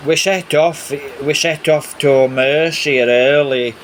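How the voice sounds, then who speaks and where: A man's voice: a little high, takes it slowly, low-quality recording. A man giving a casual, rambling, repetitive vlog narration over video footage. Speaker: vlogger. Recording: steady background noise, rain on roof. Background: rain on a roof.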